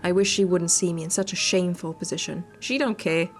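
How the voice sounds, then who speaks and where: A woman reads a visual novel's story aloud with feeling during a game stream, adding joking, coarse-mouthed teasing along the way. She talks a little fast in a lowish voice with fairly even intonation, while game music sits under her speech.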